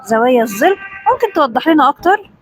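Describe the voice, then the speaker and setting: A woman's voice: high voice, sing-song, very fast. A woman voicing a curious, commanding male sultan with an Egyptian Arabic accent. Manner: stately, eager questions.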